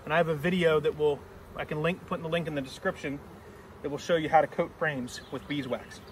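A man's voice: fairly high pitch, fairly even intonation, a little fast, slight background noise. A middle-aged man teaching beekeeping, explaining each step in a plain way while he works outdoors. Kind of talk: hands-on teaching demonstration. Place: outdoor apiary on a grassy yard. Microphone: camera mic a few steps away. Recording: distant outdoor camera audio.

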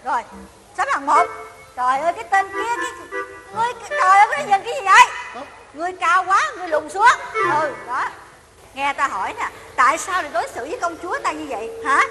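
A woman's voice: very high-pitched, big pitch swings, fast talker, over loud music. A woman playing a bossy, fussy fairy godmother who scolds and exclaims often. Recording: hall with long reverb.

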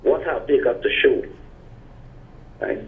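A man's voice: mid-range voice, a little slow. Older man on a clipped phone line. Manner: emphatic and lecturing, with rising stresses. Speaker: caller. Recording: thin tinny phone line.

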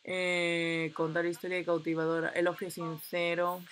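A young woman, chatting excitedly and reading game options aloud as she plays. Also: on the low side, unhurried. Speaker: gameplay commentator. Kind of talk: casual let's-play commentary.

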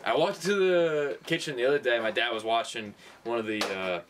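A man's voice: mid-range voice, a little fast, a little hiss or hum. A young man casually telling a story among friends, in a laid-back way. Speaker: show regular. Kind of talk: casual chat.

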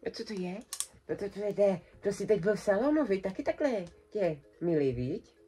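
A woman's voice: medium pitch, expressive, dark tone, soft background music. A young adult woman vlogging in a small bedroom, chatting casually and colloquially as she shows off her purchases one by one to a close camera. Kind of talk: casual haul video chat. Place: small decorated bedroom indoors.

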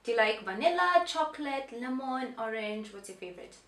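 A young woman hosting a children's lesson in an animated, upbeat way, prompting young children with questions. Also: fairly high pitch, brisk. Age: young adult. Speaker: host of a children's lesson, teacher. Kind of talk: children's educational lesson, presenting to camera. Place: small indoor playroom. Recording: roomy echo, mic at a distance.

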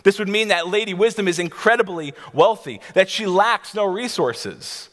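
A man's voice: high voice, lively intonation, moderate pace, a bit bright. A man in his thirties, a pastor, preaching a sermon from a church stage and picturing scenes for his listeners. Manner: teacherly, pictures scenes for listeners, some restarts. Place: church stage before a seated congregation. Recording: long hall reverb of a church.

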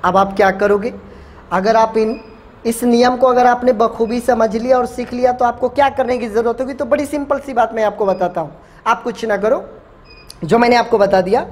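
A man teaching spoken English in a classroom lesson. He repeats each point, asks coaxing rhetorical questions and stretches out English phrases slowly, as if dictating. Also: high-pitched, a little hiss or hum. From Bihar, India.

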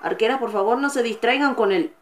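Excitable woman narrating her gameplay. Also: fairly high pitch, fairly quick. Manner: excitable, frustrated outbursts and cursing at the game. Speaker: gaming channel host. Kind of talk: live gameplay commentary.

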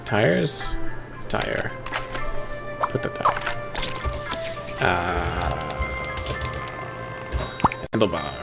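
A man giving excitable let's play commentary, yelling at the game. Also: on the low side, a little slow, creaky. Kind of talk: gameplay commentary. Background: game music.

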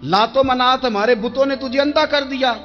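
A preacher voicing a mocking pagan chief, high-pitched. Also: male voice. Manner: mocking, taunting. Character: scornful male pagan chief taunting a blind woman. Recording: dull recording with faint music.

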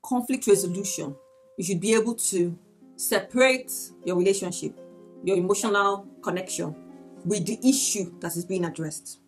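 A woman's voice: medium pitch, moderate pace, soft background music. A woman teaching about resolving conflicts in relationships, often repeating words and acting out quoted dialogue. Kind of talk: teaching talk with acted examples.

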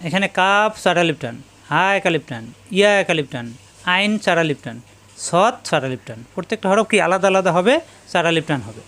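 A man teaching Quran letter pronunciation step by step, drilling each letter slowly and chanting drawn-out Arabic sounds. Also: sits high, expressive, a bit bright. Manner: slow, drilling letter sounds one by one and repeating them.

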